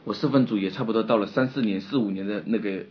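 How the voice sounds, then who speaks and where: A man preaching a sermon, impassioned and confessional, swinging between loud outbursts and quiet, subdued stretches. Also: fairly low pitch, quick pace, dull audio, slight background noise. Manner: personal and confessional, retelling his own despair.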